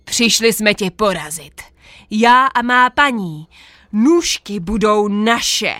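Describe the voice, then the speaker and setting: A woman voicing an earnest male knight who speaks slowly and solemnly. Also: medium pitch, animated, pushed and bright, dry recording. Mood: determined.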